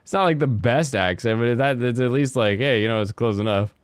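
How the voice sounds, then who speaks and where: A young man talking casually while playing a video game, rambling and halting with plenty of fillers as he thinks aloud. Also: medium pitch, clear, resonant tone, no echo. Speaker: gaming host. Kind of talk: casual gameplay chat.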